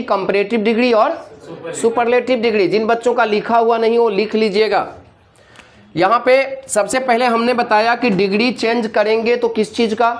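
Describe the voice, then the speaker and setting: A male teacher giving a classroom grammar lecture, constantly quizzing his students with call-and-response questions. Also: high voice.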